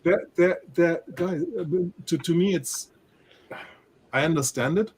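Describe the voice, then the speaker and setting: A man with a German accent speaking as an analyst guest in a panel discussion, animated and peppering his points with rhetorical tag questions. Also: a little high, measured pace, slightly rough. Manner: animated, rhetorical "right?" tags.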